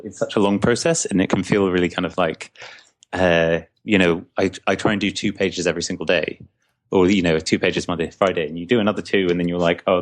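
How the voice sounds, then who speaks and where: A young Scottish comics artist answers interview questions casually and haltingly, restarting often and leaning on fillers. His voice sits low.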